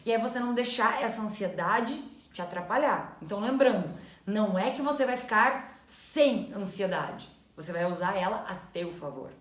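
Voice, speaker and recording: A woman co-hosting a casual explanatory chat, animated and acting out inner thoughts in quotes. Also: mid-range voice, normal speed. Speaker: co-host. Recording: echoey room.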